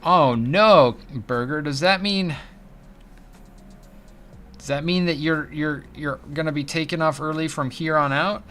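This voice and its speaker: Male streamer, casual and jokey, bright ringing tone, faint music underneath. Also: on the high side, measured pace, pauses often. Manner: chatty, joking, drops into silly voices. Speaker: livestream host. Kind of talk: casual livestream chat.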